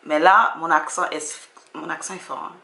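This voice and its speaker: A woman's voice: low voice, fairly even intonation, normal speed, vocal fry, pushed and bright, reverberant. A woman with a Caribbean French accent, chatting casually with self-mocking asides. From Dominica. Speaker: vlogger reacting to her old video. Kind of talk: casual reaction commentary.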